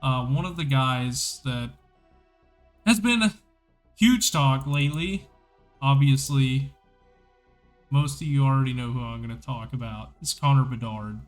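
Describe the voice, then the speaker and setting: A man's voice: mid-range voice, a little slow, long pauses, faint music behind. A man hosting a casual hockey podcast on a livestream, chatty and enthusiastic, rambling as he goes. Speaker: podcast host.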